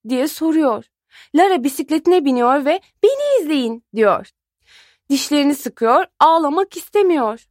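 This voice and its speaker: A woman narrating a children's story aloud in an expressive, sing-song way. Her voice sits high and rises and falls with great liveliness. The recording is dry and close-miked, with no room sound. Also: dry recording.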